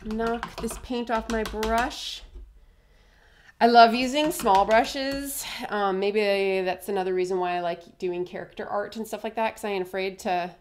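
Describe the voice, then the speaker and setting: A young woman chatting her way through a face painting tutorial, upbeat and a little hoarse. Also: medium pitch, steady tone, measured pace, slight background noise. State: slightly hoarse.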